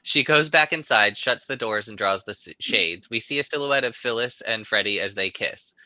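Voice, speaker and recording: A man's voice: lowish voice, moderate pace, pushed and bright, no echo, dull audio. A man narrating stage directions in a live screenplay reading.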